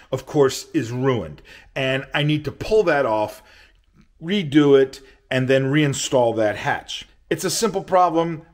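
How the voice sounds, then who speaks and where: An older man narrating a boat repair how-to in a plainspoken, matter-of-fact way in an indoor workshop, filming himself up close. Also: medium pitch. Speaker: boat restoration vlogger.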